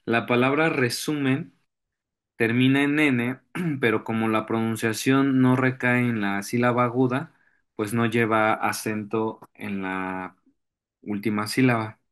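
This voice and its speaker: A male teacher giving a virtual class, explaining step by step, pausing to search for examples and often clearing his throat. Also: mid-range voice, steady tone, a bit bright.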